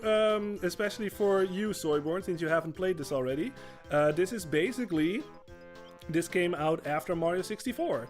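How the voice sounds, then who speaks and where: A man streams a video game and comments loosely, reading chat messages aloud and stumbling through his explanations with fillers and restarts. His voice sits slightly high for a man, and faint game music plays behind him. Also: darkish tone. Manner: rambling, with many fillers and restarts while explaining controls. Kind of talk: gaming livestream commentary.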